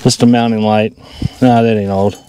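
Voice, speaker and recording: This middle-aged Southern US man is a metal detecting vlogger, chatting in a relaxed, folksy way as he films an outdoor vlog across open farm fields with a handheld or body-worn action camera. His pitch sits fairly low, his tone is dark, and he speaks at a moderate pace with a flat delivery. A little background noise can be heard.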